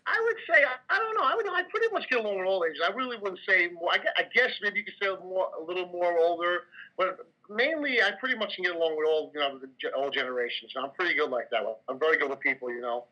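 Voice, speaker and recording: A man's voice: high-pitched, animated, quick pace, pushed and bright. A man telling a story at a casting interview, chatty and full of "you know" fillers. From Italian heritage. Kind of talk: casual storytelling. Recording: dull lo-fi recording.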